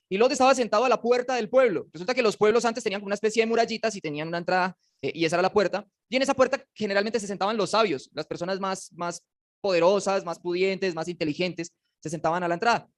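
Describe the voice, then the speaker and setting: A man teaching a casual Bible class, animated and joking, and putting questions to his students. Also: high voice. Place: classroom with slides.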